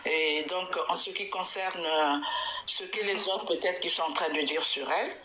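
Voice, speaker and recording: A woman's voice: on the low side, normal speed, bright, forceful tone, slight background noise. A woman from Congo-Brazzaville, calling into a live chat as an activist, speaking emphatically with many restarts. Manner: emphatic, repetitive, hesitant restarts. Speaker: caller, activist.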